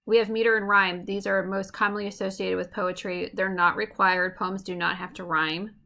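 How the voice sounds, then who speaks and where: Woman teacher explaining stuff, bright voice with a bit of fry, slows down to tap out beats. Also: mid-range voice, flat delivery. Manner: clear explanatory delivery, slows to tap out rhythms. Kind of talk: recorded online lesson.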